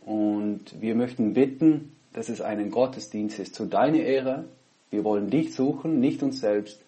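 A Dutch-accented man, a pastor, preaches and prays in a calm, earnest way, breaking his thoughts into short phrases. His voice sits low and sounds warm and soft rather than bright. He speaks close into a headset microphone from home. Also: measured pace. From Netherlands. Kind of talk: online sermon and prayer. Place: home, recorded at a laptop.

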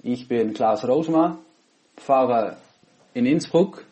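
A pastor from the Netherlands, speaking Dutch-accented German, offers an earnest online sermon and prayer through a headset at his laptop at home. He is animated, with a medium-pitched, dark-toned voice, and pauses often between phrases.

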